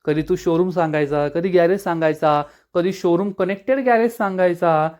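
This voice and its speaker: A man's voice: sits high, normal speed, darkish tone, close to an everyday voice. A man reading an angry betrayed young wife. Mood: scolding. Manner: scolding, accusing.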